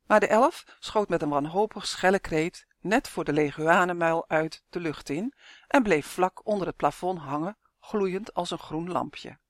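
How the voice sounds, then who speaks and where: A woman's voice: on the low side, no echo, studio quality. Woman reading a children's story aloud. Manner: measured, expressive storytelling. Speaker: narrator. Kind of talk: audiobook narration of a children's story.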